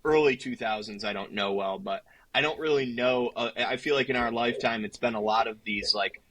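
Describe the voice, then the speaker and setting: A young man co-hosting a sports podcast, making confident points in a casual, somewhat halting way. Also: mid-range voice, fairly bright tone, no room sound, low-quality recording. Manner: confident, a bit halting with fillers. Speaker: podcast co-host.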